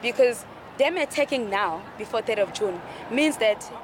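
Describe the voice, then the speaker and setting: A young woman from the Democratic Republic of Congo speaks in an earnest, halting way and repeats phrases for emphasis. She is recorded outdoors in a city. Traffic noise runs clearly underneath her words. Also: fairly high pitch, expressive. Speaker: refugee interviewee. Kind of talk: personal testimony. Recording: outdoor street noise behind.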